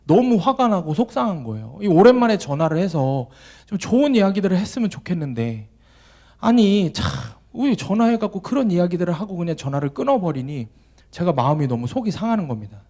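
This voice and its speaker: Expressive male pastor telling a story. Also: sits high, a little fast. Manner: emotive, dramatic swings between quiet and loud. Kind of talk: sermon with personal storytelling. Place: church during evening service.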